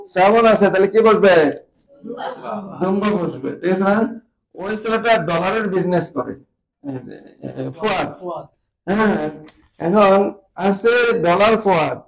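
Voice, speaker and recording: High-pitched guy teaching an ielts class, keeps firing quick check questions at the students. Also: poor audio. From Bangladesh. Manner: drills students with repeated questions. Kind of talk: classroom lesson.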